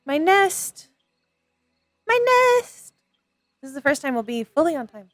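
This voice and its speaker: A woman's voice: high voice, sing-song, brisk, no room sound, clean studio sound, faint music behind. A woman streamer chatting playfully in role-play, with childlike, repetitive baby-talk phrasing. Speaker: streamer role-playing in a virtual world. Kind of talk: playful gamer chat, in-character role-play.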